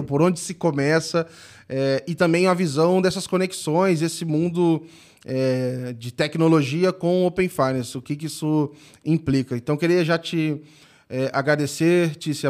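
A man hosting a podcast, introducing his guest and chatting casually in a halting way. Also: fairly high pitch. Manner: halting, many "é" fillers and restarts. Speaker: podcast host. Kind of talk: casual interview chat.

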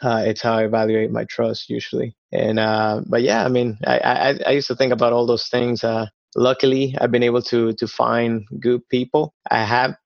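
A man in his thirties from Ecuador, chatting casually as a guest, often halting and repeating words as he talks. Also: medium pitch, level tone, creaky, dry recording, lo-fi sound. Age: 30s. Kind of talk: casual chat.

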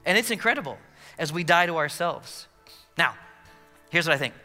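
An American man preaching a sermon with emphatic, repeated phrases, dramatic pauses and a colloquial, humorous touch. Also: on the high side, expressive, pushed and bright. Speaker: pastor preaching. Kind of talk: animated sermon with acted-out asides. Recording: long hall reverb, music underneath.

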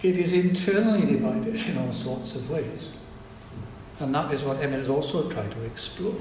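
An older Welshman, a native Welsh speaker with a Welsh accent, gives a reflective public lecture at a society event, restarting often. His voice is mid-range and a little mellow, moving at normal speed. The lecture hall recording is echoey, with a little hiss or hum.

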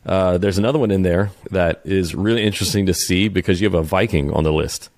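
A man hosting an interview, speaking haltingly with lots of restarts and fillers. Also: sits low, darkish tone, no echo. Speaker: podcast host. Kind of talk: interview, casual chat.

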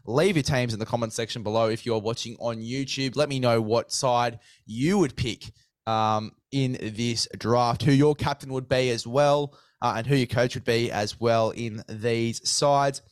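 Smooth-voiced man hosting casual sports chat. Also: mid-range voice, fairly even intonation, measured pace, no room sound. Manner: matey, slangy. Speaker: podcast host.

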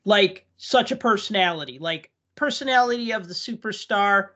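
A man's voice: sits high, expressive, normal speed, bright, forceful tone. A man hosting a casual podcast chat who tells stories with enthusiasm and laughs along with them. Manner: chatty storyteller, laughs at his own stories. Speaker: podcast host. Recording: dull lo-fi audio.

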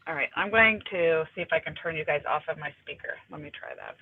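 A woman talks quickly and bluntly, her voice muffled and boxed in as if she were inside a box. It comes through a thin, tinny phone line with the low and high ends cut away. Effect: muffled, boxy sound, as if talking inside a box. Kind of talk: casual podcast chat by phone.

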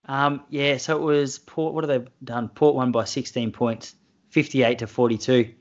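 A man's voice: mid-range voice, steady tone, normal speed. A man with an Australian accent hosting a casual chat in a matey, informal way. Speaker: podcast host. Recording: dull lo-fi audio.

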